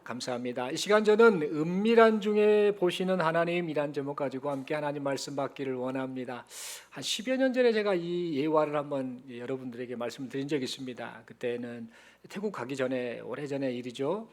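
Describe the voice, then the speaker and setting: Korean pastor telling a story from the pulpit. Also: male voice, mid-range voice, expressive, brisk. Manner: storytelling, addressing the congregation directly. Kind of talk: Sunday sermon. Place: church sanctuary.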